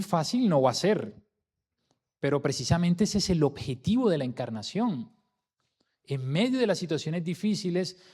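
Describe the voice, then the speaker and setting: A man's voice: fairly high pitch, a little mellow. A man. He is earnest and emphatic, repeating key phrases to drive the point home. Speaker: spiritist lecturer. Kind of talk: motivational spiritual talk to an audience.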